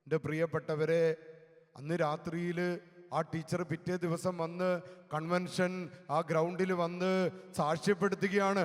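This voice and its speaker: High-voiced Malayali priest preaching in a reverberant space. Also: male voice, little pitch movement. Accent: Kerala Malayalam. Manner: slow, emphatic preaching with dramatic drops to soft, low speech. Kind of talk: sermon with personal testimony.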